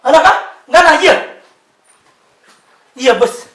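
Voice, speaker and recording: Older man with a high voice in a roomy space, a coaxing, scolding elder in a comedy sketch. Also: expressive, extremely slow, pushed and bright. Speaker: elder relative. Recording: roomy echo.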